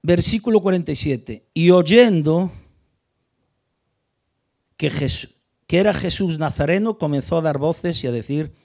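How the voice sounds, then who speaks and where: A man delivering a sermon, his voice gravelly with fry and pitched a little high. He talks emphatically, rising to loud stressed words and sinking quiet again. He often stumbles and repeats words as he restarts a phrase. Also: unhurried, pauses often. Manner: emphatic, builds to loud stressed peaks then drops quiet. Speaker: preacher. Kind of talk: sermon on a Bible passage.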